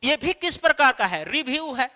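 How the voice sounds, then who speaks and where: A man's voice: very high-pitched, sing-song, normal speed, bright, forceful tone, in a large hall. A man teaching an exam-preparation class, explaining step by step and answering his own questions. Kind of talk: recorded lecture.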